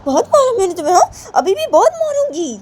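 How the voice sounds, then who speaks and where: A woman voicing an angry young mother who shouts shrill threats at her child. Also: animated, normal speed, slight background noise. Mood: furious.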